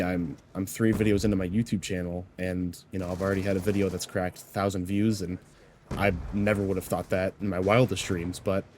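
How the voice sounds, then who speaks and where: Slightly sick and stuffed up, a twenty-four-year-old YouTuber muses earnestly in a personal vlog, his low, darkish voice wandering along with plenty of "you know"s. A faint hiss or hum sits under the audio.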